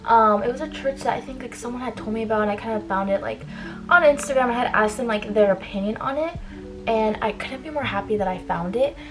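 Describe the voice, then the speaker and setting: A young woman with a slightly high voice talks quickly over music while doing her makeup for a get-ready-with-me vlog. She's a beauty vlogger handing out college advice in a casual, chatty way, leaning on "like" a lot and drifting into trailing asides.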